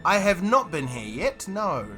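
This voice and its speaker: A man's voice: high-pitched, big pitch swings, a little slow, music in the background. A man streaming a game, chatting casually and thinking aloud with frequent laughter. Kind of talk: casual live gameplay chat.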